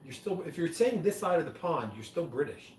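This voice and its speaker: A man's voice: on the high side, very animated, a little fast. A man hosting a casual live show, talking in a hesitant, dry and teasing way. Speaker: live stream host. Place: pub room. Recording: roomy and distant, faint noise.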